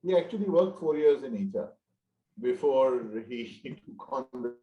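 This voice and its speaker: A man's voice: mid-range voice, expressive, warm tone, roomy sound, poor audio. A man speaking as an HR leader on a panel over a video call. His connection is bad, so his voice keeps breaking up and cutting in and out. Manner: measured, thinks aloud with fillers. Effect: voice breaking up on a bad internet connection.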